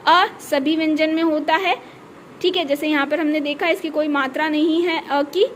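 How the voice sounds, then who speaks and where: Woman teacher going through grammar step by step, high voice, little bit of hiss behind. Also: steady tone, moderate pace. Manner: explains step by step, repeats "ठीक है" to check in. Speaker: school teacher. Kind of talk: classroom grammar lesson.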